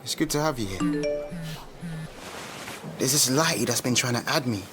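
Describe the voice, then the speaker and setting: In a naturalistic radio drama, an actor plays a confident, street-smart young British man with a London accent, an outspoken musician-turned-speaker who is slangy and opinionated. His mid-range voice is animated and natural at a moderate pace, the mood is upbeat, and music plays in the background.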